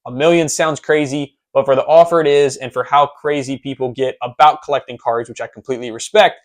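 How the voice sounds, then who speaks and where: A young man hosting a solo sports podcast, telling a story in a conversational way with casual fillers. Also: mid-range voice. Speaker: podcast host.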